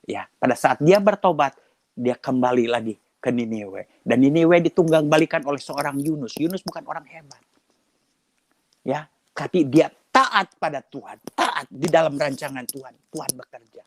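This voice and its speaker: A middle-aged man, a pastor giving a testimony sermon and acting out dialogue as he tells his story. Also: no room sound. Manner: lively storytelling, acts out dialogue with shifting pitch.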